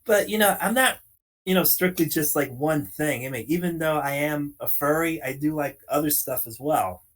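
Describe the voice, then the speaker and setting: A man nearing forty with a slightly raised pitch. He talks in an earnest, explaining way during a casual podcast chat, peppering his points with "you know.". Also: normal speed. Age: late 30s. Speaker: podcast co-host. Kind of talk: casual conversational talk.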